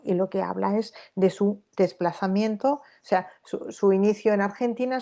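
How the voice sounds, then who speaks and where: A woman's voice: mid-range voice, gravelly, dark tone. A woman scholar giving an academic lecture, thinking aloud with fillers and restarts and often checking in with the audience. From Spain. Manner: thoughtful, with many fillers and restarts, asking "¿no?". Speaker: literature scholar giving a talk.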